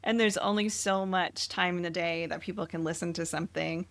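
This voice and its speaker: A woman's voice: fairly low pitch, fairly even intonation, fairly quick, dry recording. A woman co-hosting a travel podcast in casual chat, chatty, laughing often and trailing off mid-sentence. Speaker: podcast co-host.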